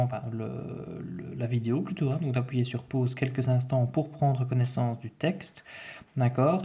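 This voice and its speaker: Husky, mellow-voiced male teacher. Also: medium pitch. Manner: methodical, checks in with frequent "d'accord?". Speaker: French teacher. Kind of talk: recorded spelling lesson.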